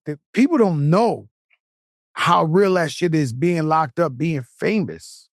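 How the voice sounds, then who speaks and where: A man's voice: on the high side, no echo, studio quality. A middle-aged man co-hosting a podcast, telling profane jail stories in casual chat and acting out other people's reactions. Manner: animated storyteller, profane, quick to act out other people's reactions. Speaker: podcast co-host.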